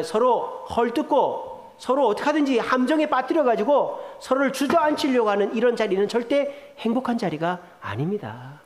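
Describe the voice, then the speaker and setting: A man's voice: sits high, in a large hall. A male pastor preaching a sermon, asking the congregation question after question. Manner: lively preaching with rhetorical questions. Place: church sanctuary.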